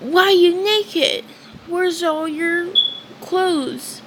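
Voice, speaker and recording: A woman voicing a loud, excitable young male hero who yells shrilly. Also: very slow, noisy background, exaggerated voice. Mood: excited. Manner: shrill yelling.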